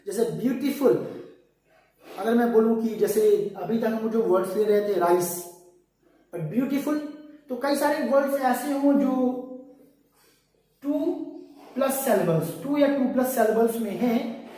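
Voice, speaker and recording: A man's voice: very high voice, slow pace, pauses often, warm tone, far from the mic, a little hiss or hum. A man teaching an English grammar lesson, explaining step by step and often asking rhetorical questions while calling his students "beta". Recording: very echoey room, voice off-mic.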